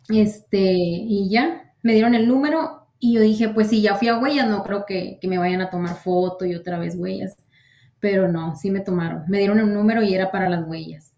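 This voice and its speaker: Telling the story of her citizenship interview, a woman being interviewed speaks casually and quotes much of the dialogue. Her voice is mid-range and dark in tone, her pace moderate, and the room sounds echoey.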